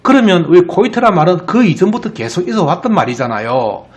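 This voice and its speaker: A man's voice: high voice, sing-song, brisk, darkish tone. A man from the Gyeongsang region with a Gyeongsang accent, lecturing on word origins and checking in with rhetorical questions. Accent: Gyeongsang Korean. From Gyeongsang region of Korea. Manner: explains with frequent rhetorical questions. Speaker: etymology lecturer. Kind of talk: lecture over slides.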